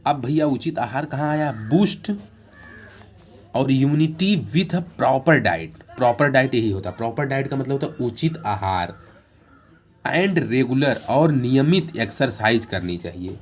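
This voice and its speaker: A man teaching an exam-prep lesson, explaining English words in Hindi with lots of repetition and reading the English questions slowly, word by word. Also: mid-range voice, lively intonation. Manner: explains English words in Hindi, repeating each meaning, ends points with "theek hai sir".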